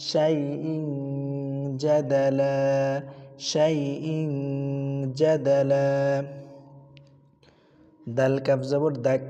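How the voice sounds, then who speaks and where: A man's voice: medium pitch, mellow, long reverb tail, muffled recording. A man teaching Quran reading rules, asking questions and answering them himself, with repeated drills of syllables. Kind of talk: tajweed lesson with recitation drills.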